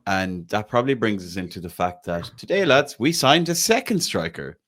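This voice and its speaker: This fairly low-voiced Irishman has a sing-song, fairly bright delivery at a moderate pace. Hosting a fan podcast, he chats easily about football, peppering his talk with "like" and an occasional curse.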